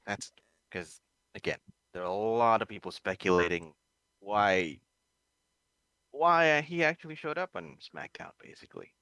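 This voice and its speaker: A man's voice: fairly low pitch, animated, a little slow, pauses often, pushed and bright, clear, resonant tone, no echo. A man co-hosting a casual chat show, agreeing and chiming in.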